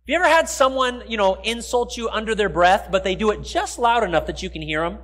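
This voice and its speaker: A fast-talking middle-aged American pastor with a high, fairly bright voice and lively intonation gives a sermon from the stage of a large sanctuary. His style is conversational and explanatory, punctuated by frequent asides to the people listening.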